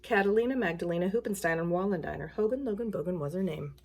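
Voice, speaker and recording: Talking fast in a lowish, somewhat dark voice, a woman addresses children casually and simply, much as a school nurse might at story time. She mixes easy chat with reading aloud, keeping her phrasing plain and child-friendly.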